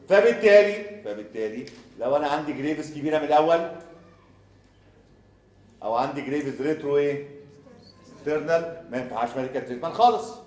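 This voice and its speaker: A male surgery lecturer with an Egyptian Arabic accent who talks quickly, repeats himself and quizzes his students with rhetorical questions. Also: mid-range voice, darkish tone. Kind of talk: recorded lecture. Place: lecture hall. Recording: echoey lecture hall from far off.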